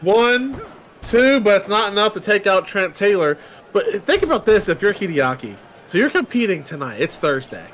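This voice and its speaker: A man's voice: sits high, very animated, moderate pace, fairly bright tone. A man calling wrestling play-by-play, counting pinfalls aloud and dropping chatty news asides. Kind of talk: play-by-play commentary.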